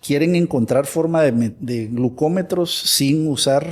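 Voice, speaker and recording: Man, from Guatemala, husky voice, animated interview guest. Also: a little high, unhurried. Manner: animated, acts out imagined dialogues. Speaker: guest expert. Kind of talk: conversational interview.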